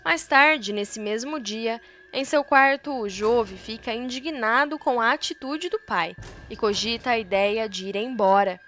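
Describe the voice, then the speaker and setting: A woman recaps soap-opera scenes in a brisk, lively storytelling voice pitched a little high. Faint music plays softly under her narration.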